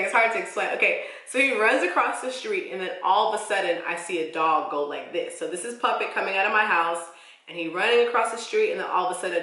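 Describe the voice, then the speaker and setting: A young woman with a bright, forceful voice talks straight to her viewers, telling a story from her life. Her speech is casual and slangy, full of "like"s. The recording has the bounce of an echoey room. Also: on the low side. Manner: expressive, slangy storytelling with many "like"s. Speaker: vlogger. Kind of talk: storytime vlog.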